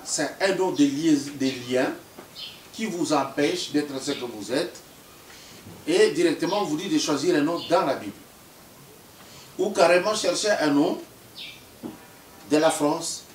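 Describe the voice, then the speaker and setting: A man's voice: fairly high pitch, far from the mic. A male interviewer who asks pointed questions and murmurs agreement often. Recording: echoey room, off-mic, faint noise.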